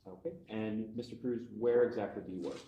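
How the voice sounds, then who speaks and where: A man questioning a witness as prosecutor in a measured way, heard in a courtroom recording. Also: lowish voice, fairly even intonation, warm tone. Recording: echoey courtroom audio.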